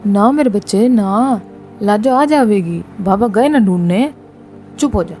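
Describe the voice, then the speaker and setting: A woman's voice: mid-range voice, lively intonation, unhurried, faint music behind, close to an everyday voice. Woman doing a soothing village mother. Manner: soothing, hushing.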